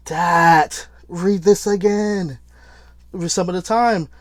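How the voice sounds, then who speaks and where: A man with a somewhat high voice reads tabletop rules aloud in a hurried, stumbling way, restarting words as he goes. He breaks off to argue his case like a commentator. The sound is close and dry, with no room around it. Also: no echo. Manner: rushed, stumbling reading with restarts. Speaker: YouTube commentator. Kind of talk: reading rules aloud and arguing.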